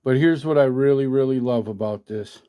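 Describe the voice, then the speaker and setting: Smooth, dark-toned and mid-range, a man speaks at normal speed during a casual hands-on product demo. He reviews products and tinkers with radios, sounding folksy, colloquial and mildly salty, with a handheld phone recording him at a workbench indoors.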